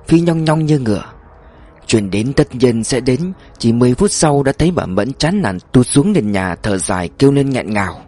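A man narrating a story in a measured audiobook style, slowing down for emphasis. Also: medium pitch, darkish tone, husky.

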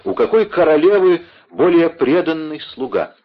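A man's voice: a little high, lively intonation, moderate pace, muffled recording, pitched above the performer's own voice. A man playing a passionate, devoted young nobleman in an audiobook, speaking ardently. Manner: ardent, impassioned.

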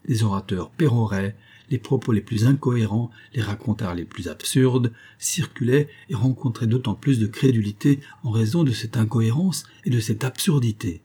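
A man narrating a novel in a steady, measured reading. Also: mid-range voice, husky. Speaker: audiobook reader.

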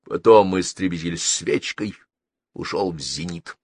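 A man narrating an audiobook in an animated, dramatic reading style. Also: deep voice, a little slow, slightly rough, no echo, studio quality.

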